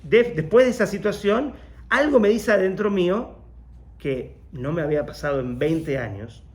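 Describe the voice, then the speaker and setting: A rabbi leads a workshop, a man with a slightly high voice who tells his story with energy. He jumps into the voices of the people he quotes, then falls back into a calmer teaching tone. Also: normal speed. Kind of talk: personal story in a motivational talk.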